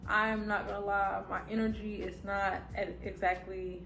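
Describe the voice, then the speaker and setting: A woman's voice: medium pitch, flat delivery, moderate pace, gravelly. A woman vlogging casually, with a slight lisp from wearing retainers. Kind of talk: casual vlog chat. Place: indoors at home, echoey apartment room. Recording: roomy echo, music behind.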